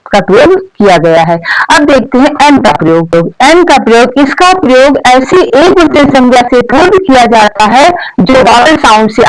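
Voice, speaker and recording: A woman teaching English grammar, asking questions and answering them herself, repeating each point, checking in with frequent "okay"s, and saying the English example words slowly. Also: high voice, rough recording. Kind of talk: explanatory grammar lesson for learners.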